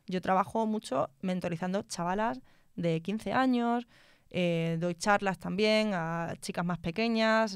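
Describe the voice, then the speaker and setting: Smooth-voiced young Spanish woman engineer. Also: medium pitch, no room sound, studio quality. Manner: candid, reflective, laughs often. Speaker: telecom engineer guest. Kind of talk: casual interview chat.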